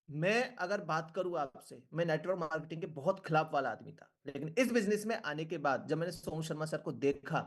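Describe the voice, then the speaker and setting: A man giving an earnest motivational talk to an online meeting, coaxing his listeners and checking that they follow along. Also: a little high. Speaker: network marketing speaker.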